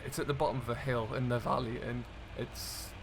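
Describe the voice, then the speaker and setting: His medium-pitched voice barely moves in pitch and runs a little fast as this British host role-plays a farm contractor in a farming game. The commentary is casual, chatting and thinking aloud as he works, over clear vehicle and ambient noise.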